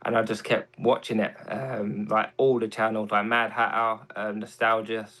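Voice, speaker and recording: A man's voice: fairly low pitch, little pitch movement, moderate pace, rough recording. A man from England with a London accent, a guest on a casual chat show, talking hesitantly with lots of ums. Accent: London English. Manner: hesitant, many ums, soft-spoken.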